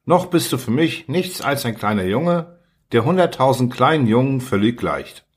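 A man voicing a patient, wistful male fox in an audiobook reading, earnest and coaxing, slightly husky. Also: medium pitch, lively intonation, moderate pace, voice pushed up, lightly acted. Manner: earnest, coaxing, explaining tenderly.

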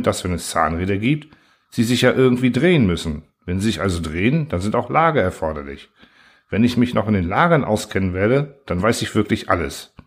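A man voicing a bewildered young man with an extraordinary memory, hesitant and brooding. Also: fairly low pitch.

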